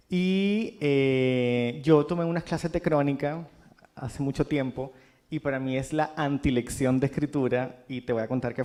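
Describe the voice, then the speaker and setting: A man's voice: mid-range voice, dark tone. A man moderating an author talk in a university room, telling an anecdote with many fillers. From Colombia. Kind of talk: conversational storytelling.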